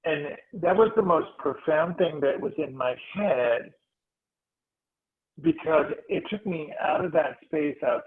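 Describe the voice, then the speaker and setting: A man, a spiritual healer, telling a heartfelt story to a meditation group, animated and restarting his phrases. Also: fairly high pitch, a little slow. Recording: tinny phone-like audio.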